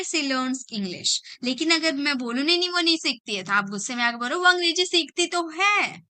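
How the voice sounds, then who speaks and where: A woman teaching a beginners' English lesson, repeating each example and saying the English lines slowly. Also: high-pitched, sharp tone.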